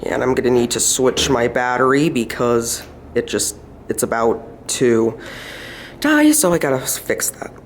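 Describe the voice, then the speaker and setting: A man's voice: medium pitch, unhurried, a little hiss or hum. A man filming hotel elevators with a handheld camera, casually narrating and pointing things out as he rides. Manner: relaxed, pointing things out as he goes. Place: hotel elevators and hallway, indoors.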